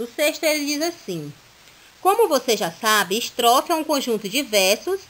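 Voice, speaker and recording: A woman's voice: sits high, a bit bright. A woman with a Brazilian Portuguese accent, teaching a recorded lesson, reading exercises aloud and explaining them patiently, often checking in with her students. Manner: reads exercises aloud, then explains slowly.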